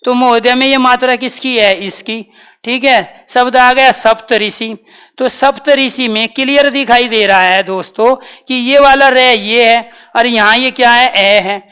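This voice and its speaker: Bright, crisp-voiced woman teacher. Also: on the high side. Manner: quizzes students with questions and answers them herself; patient, repeats terms slowly. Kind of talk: classroom grammar lesson.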